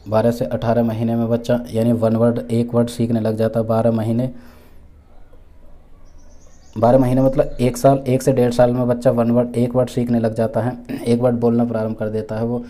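A man's voice: medium pitch, completely flat delivery, normal speed, warm tone. A man giving an exam-prep lecture, repeating each point with terms in two languages, with many fillers and restarts as he explains. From India. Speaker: teacher for exam preparation.

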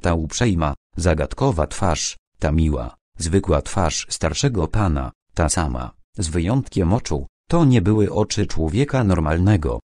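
A man narrates a crime novel with measured drama. His voice sits very low and moves slowly, yet his pitch rises and falls vividly. The recording is dry and close. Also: lively intonation, darkish tone, no room sound. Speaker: audiobook narrator.

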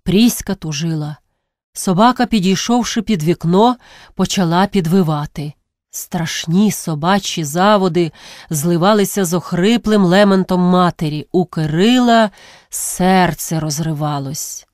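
A woman reading classic literary prose aloud as narrator, measured and expressive, with drawn-out pauses. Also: lowish voice, dry recording, clean studio sound.

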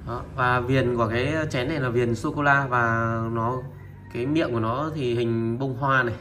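A man presenting used Japanese goods for sale, item by item, in a steady and repetitive way. He talks to viewers familiarly and fills his pauses with filler sounds. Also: mid-range voice, faint music behind. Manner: steady, repetitive, opens nearly every line with a pointing word. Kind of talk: product showcase sales talk.

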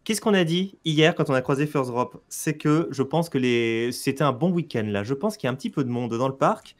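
A man's voice: medium pitch, expressive, brisk. Chatty playful French-speaking man. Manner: chatty, playful, lots of fillers. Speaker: let's play co-host. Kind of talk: casual gameplay chat.

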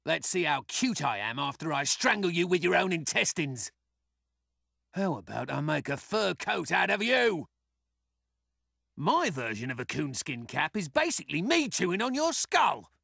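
A scrappy little raccoon soldier from a fighting game, cocky and sarcastic. The voice is high and gravelly, swooping wildly as it throws out brash taunts. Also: male voice, big pitch swings, normal speed, bright, forceful tone, dry recording, clean studio sound, full character voice. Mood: cocky taunting. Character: cocky, foul-mouthed, scrappy male raccoon space soldier.

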